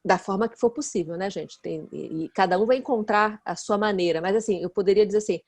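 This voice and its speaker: A woman, a guest expert who explains her ideas earnestly in relaxed conversation and often checks in with her listener. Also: medium pitch, a little fast. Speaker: guest expert in nonviolent communication.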